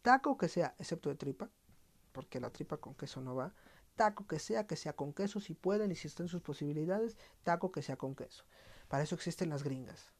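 A podcast host with a central Mexican accent rambles through a casual, slangy, profane monologue, breaking into playful mock-dramatic outbursts. His voice sits on the high side and is expressive and brisk.

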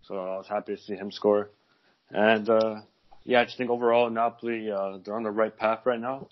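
A man co-hosting a casual football podcast, speaking in a measured way. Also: fairly low pitch, steady tone, highs cut off. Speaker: podcast co-host. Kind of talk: casual chat.

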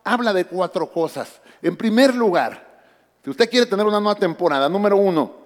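A man's voice: sits high, normal speed, long reverb tail. A man preaching a sermon as pastor, addressing the congregation directly and often calling out to them. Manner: animated preaching, calls out to congregation. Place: church.

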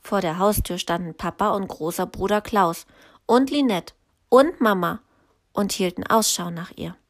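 A woman reads a children's story aloud in an unhurried, steady way, in a voice of middling pitch. Her telling is calm and measured, as if leaving time for young listeners to follow along. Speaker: teacher.

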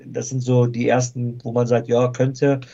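A man in a casual football chat who weighs his points and pauses often with fillers. His voice sits in a middle register. The sound is somewhat dull and lo-fi. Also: medium pitch, monotone, creaky, dark tone. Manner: thoughtful, hesitant with fillers. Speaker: guest football fan.

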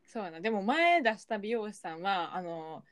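A woman's voice: mid-range voice, big pitch swings, moderate pace, dry recording, clean studio sound. A woman with a Kansai accent co-hosting a podcast, chatting casually and reading out listener mail. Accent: Kansai Japanese. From Kansai, Japan. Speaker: podcast co-host.

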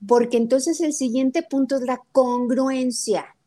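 A middle-aged woman with a Mexican Spanish accent, speaking in a fairly high voice. She talks in a lively, conversational way and acts out quoted lines as she tells her stories. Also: unhurried. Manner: animated storytelling, acts out quotes of her daughter. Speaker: guest nutrition speaker. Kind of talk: conversational talk interview.

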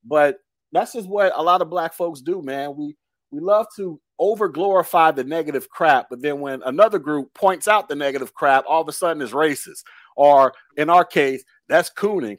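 A man in his forties talks in a relaxed, storytelling way on a casual podcast, laughing easily and circling back over his words. His pitch sits a little high and the sound is dry and close. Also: normal speed, no room sound. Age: 40s.

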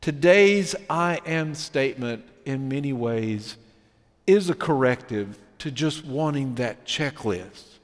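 A man preaching a sermon as pastor, alternating emphatic points with slow, weighty scripture reading. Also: medium pitch, lively intonation. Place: church sanctuary. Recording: long reverb of a church sanctuary.

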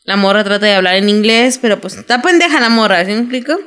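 A young adult woman with a Mexican Spanish accent, recapping a TV drama in casual, slangy, animated chat as a podcast co-host. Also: medium pitch, fast talker. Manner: slangy, animated storytelling with quoted voices.

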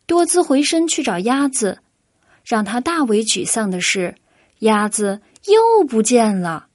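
A woman reads a children's picture book aloud, slow and unhurried. Her voice is fairly high and gentle. The recording is close and dry. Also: very animated, no echo. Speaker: storyteller. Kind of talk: children's storybook reading.

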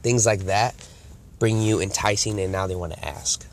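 With slight background noise behind him, a man with a lowish voice speaks at a moderate pace, sounding slightly nasal from a cold. In a casual instructional talk to camera, he coaches on sales and plays out both customer and salesperson lines.

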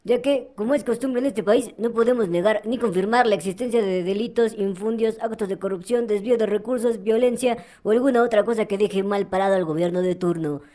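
A woman reading a scripted disclaimer in an even, formal delivery. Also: medium pitch, brisk, hardly any pauses. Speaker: disclaimer announcer.

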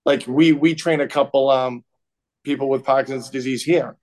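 A man's voice: mid-range voice, fairly even intonation, moderate pace, a little mellow. A man with a Boston accent, a boxing trainer talking earnestly and loosely as a guest on a podcast. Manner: earnest, reflective, loose with fillers. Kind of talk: casual podcast interview.

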